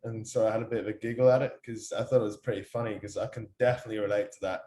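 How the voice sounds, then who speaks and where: A young man with an Irish accent giving a casual, chatty workshop talk, rushing along with lots of ums and restarts. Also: on the low side, little pitch movement, dark tone, echoey room, slight background noise. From Ireland. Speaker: workshop speaker. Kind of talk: casual presentation on a video call.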